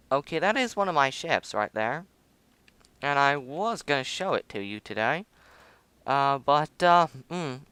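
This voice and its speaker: A man's voice: medium pitch, sharp tone, clean tone, no room sound. A young man casually commenting on his own space game footage, rambling, humming and joking at himself. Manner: rambling, self-mocking, hums and mutters to himself. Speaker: gameplay video host.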